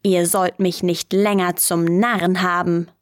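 A woman voicing an angry old tailor in a fairy tale, scolding sternly and slowly. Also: lowish voice, level tone, pitched below the performer's own voice, lightly acted.

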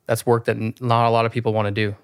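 A man's voice: mid-range voice, level tone, fast talker, clear, resonant tone, dry recording, studio quality. A man in his thirties, a guest on a podcast, talking casually and earnestly with many fillers. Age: 30s. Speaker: guest realtor.

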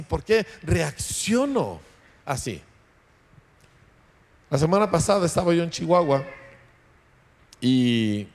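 A man delivers a sermon from the pulpit, his voice sitting somewhat high for a man. He preaches in a conversational, questioning way and keeps checking in with the congregation. The sound carries a long reverb tail from the hall. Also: a little mellow. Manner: conversational preaching with frequent rhetorical "¿verdad?". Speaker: pastor.

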